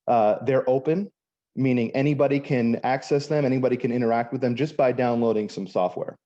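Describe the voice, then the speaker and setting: A man from Miami, working as an attorney, walks through a presentation quickly and fills gaps with "uh." His voice is mellow and relaxed. The sound is dull and lo-fi, like a remote call. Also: mid-range voice. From Miami, Florida. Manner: quick, explanatory, many fillers. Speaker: attorney, panel speaker. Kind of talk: conference presentation.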